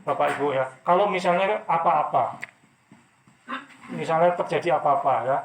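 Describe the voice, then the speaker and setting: A man's voice: fairly high pitch, normal speed. A man preaching and telling a personal testimony in a loose, repetitive way. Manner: loose, repetitive talk with many fillers. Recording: echoey room.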